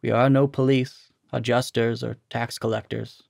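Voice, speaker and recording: A man voicing a composed government clerk who speaks in an even, careful tone. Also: mid-range voice, creaky, dry recording, studio quality. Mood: measured. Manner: even, measured tone.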